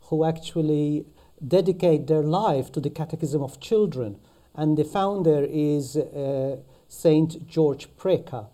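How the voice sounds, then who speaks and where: Maltese accent guy, really mellow dark voice, podcast guest reminiscing, repeats himself and stops and starts. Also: a little high. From Malta. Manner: halting, repeats words and phrases. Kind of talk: conversational personal recollection.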